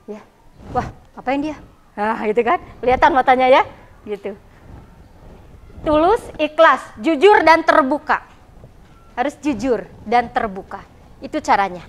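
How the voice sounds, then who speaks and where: Female teacher, West Javanese accent, high voice, class lesson, checks in with students constantly. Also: lively intonation, unhurried, pauses often. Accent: West Java. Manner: questions the class, frequent "ya" and "gitu". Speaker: vocational school teacher.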